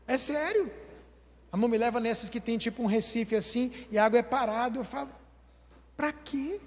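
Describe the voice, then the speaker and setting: A man's voice: very high-pitched, fairly quick. A man preaching a humorous sermon with a Brazilian Portuguese accent, acting out everyday dialogues. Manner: animated, acts out everyday dialogues. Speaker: pastor. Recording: long hall reverb.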